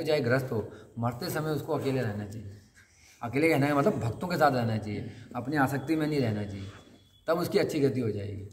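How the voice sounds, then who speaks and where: A man giving a conversational sermon at a scripture class, asking his listeners questions and acting out the lines he quotes. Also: medium pitch. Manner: conversational, asks the audience questions and acts out quotes. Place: temple hall. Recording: long hall reverb, faint noise.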